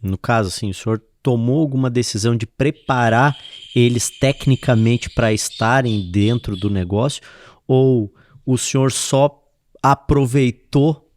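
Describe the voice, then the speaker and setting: A man's voice: mid-range voice, unhurried, a little mellow, dry recording. Hesitant male interviewer, dry room. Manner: hesitant questions full of fillers. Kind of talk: casual interview.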